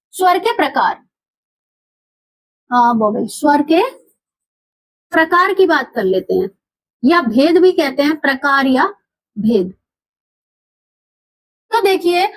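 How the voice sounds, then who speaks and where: Slow, high-voiced woman teaching grammar. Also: no room sound. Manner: slow, drawn-out sounds, repeats terms for students. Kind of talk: classroom lesson.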